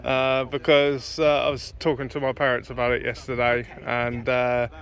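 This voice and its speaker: A man's voice: mid-range voice, completely flat delivery, normal speed, fairly bright tone. A British man giving casual, matey, off-the-cuff commentary as a vlogger, recorded outdoors on a handheld phone. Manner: chatty, matey. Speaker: car show vlogger. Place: outdoors on a grassy car show field.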